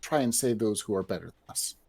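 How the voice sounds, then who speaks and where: Guy at a tabletop game talking as his cleric, measured and polite, dry close sound. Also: lowish voice, gravelly, a little mellow, breathy edge, dry recording. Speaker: player.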